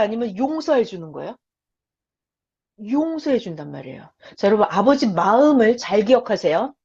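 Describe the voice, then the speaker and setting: A woman's voice: high voice, slightly rough. A woman teaching a lecture for beginners, telling a story with animation and putting questions to her listeners, on a lo-fi recording. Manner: animated storytelling, quizzing the audience. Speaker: Bible teacher. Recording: lo-fi dull recording.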